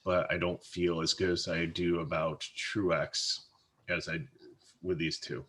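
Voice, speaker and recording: A man's voice: sits low, level tone, a little slow, a bit bright. A man co-hosting a casual fantasy sports podcast, talking in a hesitant way with frequent restarts and fillers. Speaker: co-host, fantasy sports analyst.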